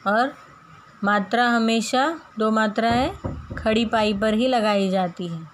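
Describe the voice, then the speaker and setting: Female primary teacher, higher voice, very slow and deliberate, models each sound clearly. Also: a little hiss or hum. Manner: repeats and stretches words to model pronunciation. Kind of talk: slow, careful phonics lesson.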